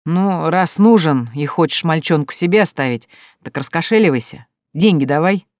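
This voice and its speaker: A reader voicing a rough, drunk, brutal man who threatens and snarls slowly and loudly in an audiobook. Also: mid-range voice, dry recording, clean studio sound, close to an everyday voice. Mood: menacing. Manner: coarse, menacing, slow and loud. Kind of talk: audiobook character voice.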